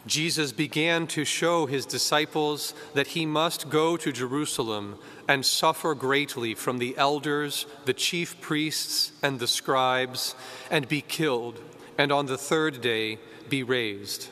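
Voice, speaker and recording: A man, a priest, reads the Gospel and preaches at Mass in a measured, clear way, his voice ringing with cathedral echo. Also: mid-range voice, pushed and bright. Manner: measured, clear proclamation, with an easy conversational tone in the homily. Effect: cathedral echo, long church reverb. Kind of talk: gospel reading and homily at Mass. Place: church during Mass. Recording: long echoing church reverb.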